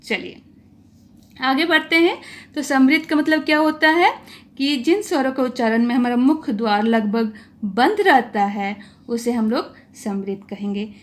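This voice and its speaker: Woman teacher, high voice, unhurried delivery, patient explanations, vowel sounds spoken aloud for practice. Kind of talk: grammar lesson for exam students.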